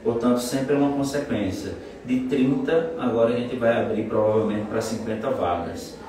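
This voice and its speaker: A trial lawyer and mentor in his forties explains things in an expansive, self-assured manner during a casual interview chat. His mid-range voice moves at a moderate pace, recorded with the mic at a distance in an echoey room with background noise.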